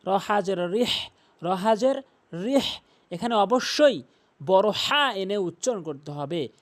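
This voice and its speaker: A man teaching Quran recitation, patiently repeating pronunciation rules and chanting slow examples. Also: high voice, lively intonation. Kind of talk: recitation lesson.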